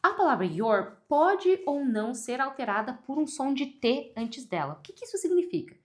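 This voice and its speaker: A fairly high-voiced woman teaching pronunciation online. She coaches the listener directly, upbeat and demonstrative, and runs repeat-after-me drills. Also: big pitch swings, moderate pace. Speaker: English pronunciation mentor.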